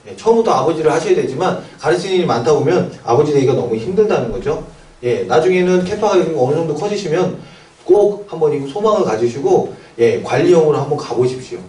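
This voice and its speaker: A man's voice: a little high, mellow. A man giving a seminar lecture to academy owners, often asking the audience questions and answering them himself. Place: lecture room. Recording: echoey room, mic at a distance.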